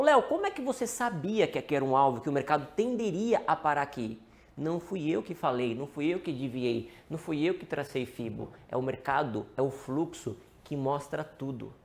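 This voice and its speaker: Brazilian man, live trading teacher, lively up-and-down delivery, talks straight to the chat. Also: on the high side. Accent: Brazilian Portuguese. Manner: animated, asks and answers his own questions, calls out to viewers. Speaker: day trading instructor. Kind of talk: live-streamed trading lesson.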